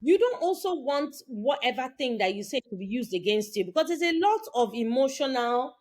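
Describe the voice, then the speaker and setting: A woman's voice: sits high, normal speed. A woman from Nigeria co-hosting a casual chat, telling stories with lots of quoted dialogue. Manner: animated storytelling with quoted dialogue. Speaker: co-host.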